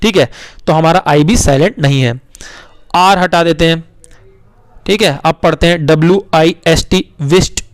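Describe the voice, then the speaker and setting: Patient teacher man, slow spelling. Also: a little high, no room sound. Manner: spells words letter by letter and repeats them slowly; coaxing, addresses children as beta. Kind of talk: patient classroom explanation to young pupils.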